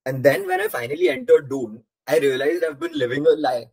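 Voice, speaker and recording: A man's voice: on the high side, huge pitch swings, brisk, a little mellow, slightly rough. Young man with a polished Indian accent. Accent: educated Indian. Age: young adult. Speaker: podcast guest. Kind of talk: conversational interview answers.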